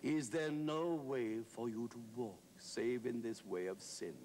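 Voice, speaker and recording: An actor in a one-man stage show voicing a gentle holy teacher who asks solemn questions. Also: mid-range voice, a little slow, slight background noise, pitched above the performer's own voice, natural voice.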